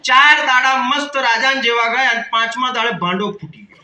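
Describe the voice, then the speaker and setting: A man around 30 with a Kathiawadi Gujarati accent gives a motivational business seminar in a hall full of people, joking and calling out to the audience. His very high-pitched voice is a little fast with fairly even intonation. The sound is roomy, picked up by a distant mic, and has background noise.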